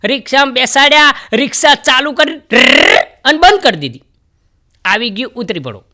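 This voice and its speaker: A man's voice: very high-pitched, brisk. A man telling stand-up jokes on stage and acting out each character's lines. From Gujarat, India. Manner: animated storyteller who acts out each character's lines. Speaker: stand-up comedian. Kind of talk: Gujarati stand-up joke telling. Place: stage in front of a live audience.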